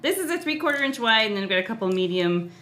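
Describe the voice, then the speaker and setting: A woman's voice: a little high, big pitch swings, quick pace, fairly bright tone. A middle-aged woman teaching a live painting tutorial in a casual, cheerful way, laughing often as she walks through each step. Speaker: painting instructor.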